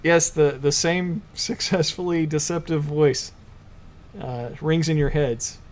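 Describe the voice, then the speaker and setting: A man serving as game master, narrating a tabletop game casually in a halting, improvised way. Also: on the high side, steady tone.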